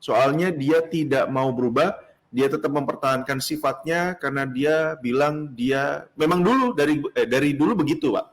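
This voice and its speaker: A man's voice: fairly high pitch, normal speed. A man hosting a talk show, politely affirming the guest and reading out viewer questions. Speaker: host.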